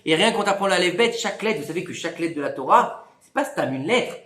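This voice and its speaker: A man's voice: quick pace, echoey room. A man teaching a Torah class, telling a story and acting out its dialogue. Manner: animated, acts out dialogue with big pitch swings. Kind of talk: lively storytelling Torah lesson.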